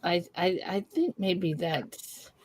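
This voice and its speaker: A middle-aged host with a Texan Southern accent chats casually on a live stream, giggly and easygoing with her viewers. Her lowish voice is expressive and a little mellow with a breathy edge, and she speaks at a slow pace.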